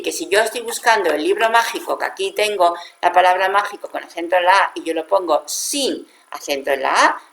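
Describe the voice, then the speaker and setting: Her fairly low, gravelly voice has a bit of brightness and sounds reverberant. She's a woman from Spain with a Spanish accent, patiently explaining a spreadsheet step by step in a screen-recorded software tutorial and fixing her own slips as she goes.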